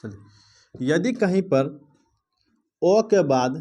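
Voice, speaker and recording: A man teaching a grammar class in a voice a little higher than most men. He talks the class through each rule, asks questions and keeps checking that they follow. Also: lively intonation, extremely slow, mellow. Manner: drills with repeated check-ins, asking the class questions. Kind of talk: grammar lesson.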